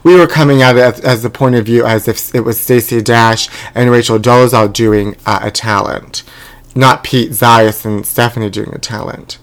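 Campy male comic host, mid-pitched, recorded inside a closet. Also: fairly even intonation, normal speed. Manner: campy, calls people honey. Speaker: podcast host and comedian. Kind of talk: casual comedic chat.

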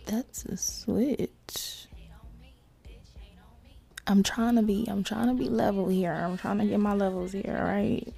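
A woman hosting a casual solo podcast, talking to listeners in slangy, sweary asides with creaky vocal fry. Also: medium pitch, steady tone, normal speed, hardly any pauses, mellow, faint music behind. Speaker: podcast host.

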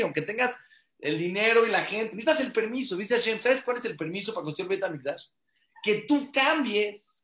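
High-voiced rabbi, echoey room. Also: male voice, fairly bright tone. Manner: earnest, preachy, acts out quoted pleas. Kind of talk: sermon-like talk on an online panel.

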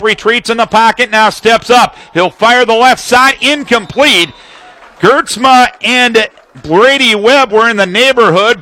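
Calling live football for radio, a male announcer speaks in a high, bright and forceful voice. He sets out the situation and the action in short, detailed bursts.

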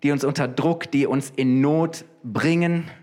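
A man preaching a sermon in a lively, conversational way, often asking his listeners questions. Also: medium pitch, measured pace.

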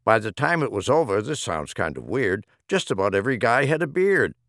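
A man's voice: on the low side, sing-song, fairly quick, a bit bright, no room sound, studio quality. A man reading humorous rhyming poems as an audiobook narrator, with a theatrical, rhythmic delivery. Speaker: audiobook reader.

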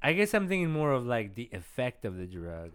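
A man's voice: medium pitch, very animated, a little fast, a bit bright, smooth, no echo. A man co-hosting a sports podcast, playful and giggly in casual chat. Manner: playful, giggly, acts out lines. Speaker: podcast co-host.

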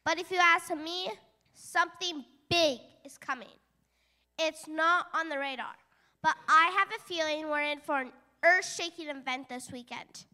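A woman's voice: high-pitched, unhurried, sharp tone. A woman playing a bubbly female weather forecaster on a news show.

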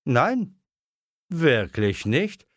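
A man's voice: mid-range voice, very animated, drawn-out words, no echo, clean studio sound, voice pushed up, full character voice. A man voicing a curious, eager little boy. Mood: excited.

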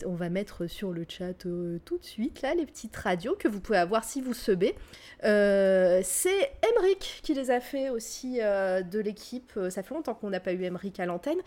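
A woman's voice: mid-range voice, a little mellow. A young woman co-hosting a web radio stream in casual chat, hesitant, with many fillers and restarts. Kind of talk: casual live-stream chat, book recommendation.

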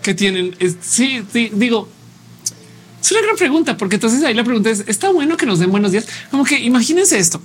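A man's voice: extremely high pitch, sing-song, fairly quick, faint music behind. A man with a Mexican Spanish accent hosting a casual live show, thinking aloud in a conversational way and reading viewer comments.

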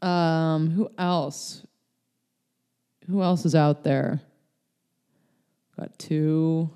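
Young woman, casual podcast guest; mellow tone, candid, meandering delivery. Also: low-pitched, steady tone, drawn-out words, smooth. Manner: rambling, filler-heavy, candid. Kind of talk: casual chat. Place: LA area.

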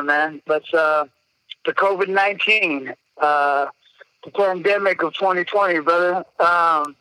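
A man's voice: high-pitched, pushed and bright, smooth, no room sound, rough recording. A man in his thirties hosting a podcast, telling a story in a casual, profane way. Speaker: podcast host.

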